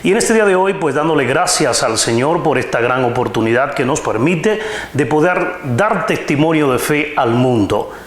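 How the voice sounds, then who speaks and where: A man's voice: fairly high pitch, lively intonation, moderate pace, echoey room. A man from the Dominican Republic with a Dominican accent, hosting a faith interview program from a radio studio, opening with formal religious greetings. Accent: Dominican Spanish. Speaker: host.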